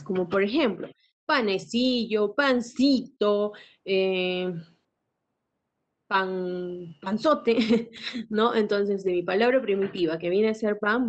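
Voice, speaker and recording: A woman teacher lecturing a class, often asking tag questions and clearing her throat. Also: medium pitch. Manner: asks frequent tag questions. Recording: dull lo-fi recording.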